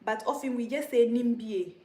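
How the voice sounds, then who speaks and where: A woman, a Dagaare speaker, casually teaching vocabulary on a livestream, repeating words slowly and laughing at herself often. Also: a little high, warm tone, roomy sound. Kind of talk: casual spoken language lesson.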